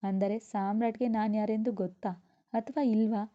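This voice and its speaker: A woman's voice: mid-range voice, fairly even intonation, normal speed, lo-fi sound, natural voice. A woman voicing a tearful, emotional young heroine who speaks in rising exclamations.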